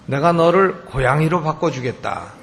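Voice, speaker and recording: A man voicing a calm, patient male magician from a folk tale, in a lowered voice. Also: moderate pace, creaky, in a large hall.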